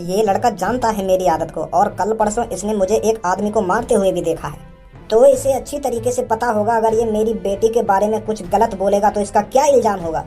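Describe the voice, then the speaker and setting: A woman's voice: mid-range voice, a little fast, dark tone, soft background music, natural voice. A woman voicing a stern, short-tempered middle-aged father in a comedy sketch, mocking and threatening in rustic speech.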